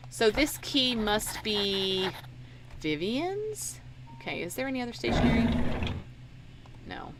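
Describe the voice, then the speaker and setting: A woman's voice: medium pitch, noisy background. A woman with a Southern American accent, casually commenting while playing a puzzle game and muttering to herself as she works. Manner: chatty, thinks aloud, mutters to herself. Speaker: gaming streamer. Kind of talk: casual let's-play commentary.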